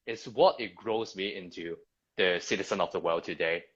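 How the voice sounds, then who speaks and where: A Cantonese-speaking man from Hong Kong tells his story in English with a Hong Kong accent as a guest in conversation. His halting delivery is full of restarts and tag questions. His voice is low-pitched, a bit bright, and husky, and the audio sounds dull.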